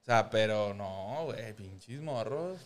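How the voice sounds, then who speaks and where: A man with a Mexican accent in casual chat, swearing and telling animated stories about his sons. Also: lowish voice, slow pace. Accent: Mexican Spanish. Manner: swearing, animated storytelling with voices for his son. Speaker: father.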